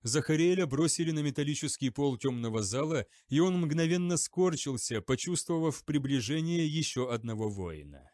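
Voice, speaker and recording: A man's voice: fairly high pitch, lively intonation, moderate pace, hardly any pauses, a little mellow, no echo, studio quality. Man narrating an audiobook. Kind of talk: scripted narration.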